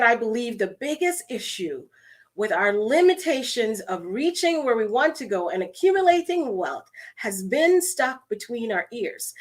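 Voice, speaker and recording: A woman from Guyana with a Guyanese accent, giving an expressive, conversational motivational talk and calling her listeners her friends. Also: fairly high pitch. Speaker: motivational speaker.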